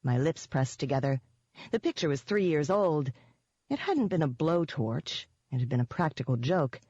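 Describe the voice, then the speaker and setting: A woman's voice: sits low, lively intonation, normal speed, dark tone, husky, dry recording. Wry, sardonic woman narrator, first-person audiobook, dry and dull-sounding mic.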